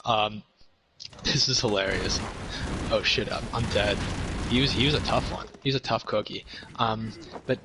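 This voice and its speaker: A young man rambles through a casual chat, stopping and restarting, swearing as he plays. His voice is on the low side. Loud game gunfire and explosions run under him. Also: background noise. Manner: rambling, halting, swears often. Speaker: podcast guest. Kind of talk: casual chat while gaming. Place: home, at his girlfriend's parents' place. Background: video game gunfire and explosions.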